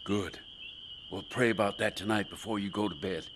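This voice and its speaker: An actor playing a kindly, devout middle-aged father, a deacon who speaks gently and encouragingly in a radio drama. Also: fairly low pitch, steady tone, moderate pace, slight background noise, close to an everyday voice. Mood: gentle.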